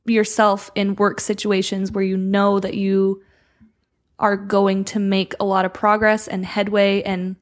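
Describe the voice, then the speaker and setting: A woman's voice: mid-range voice, monotone, unhurried. A woman co-hosting a podcast, talking in a reflective, earnest way and breaking into light laughs. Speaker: podcast co-host. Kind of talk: casual podcast chat.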